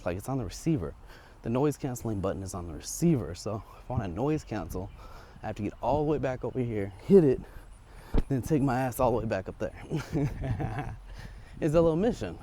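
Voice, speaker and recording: A man's voice: medium pitch, lively intonation, quick pace, dark tone. Man vlogging casually outdoors, faint background noise. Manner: informal, rambling, thinking aloud. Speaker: vlogger testing audio gear. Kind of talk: casual unscripted vlog chat. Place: outdoors, walking up a residential street. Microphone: wireless lavalier clipped to shirt.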